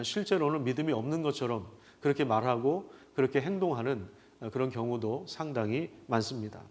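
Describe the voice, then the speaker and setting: A man preaching a Sunday sermon as pastor, asking the congregation questions and pausing on filler sounds. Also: a little high.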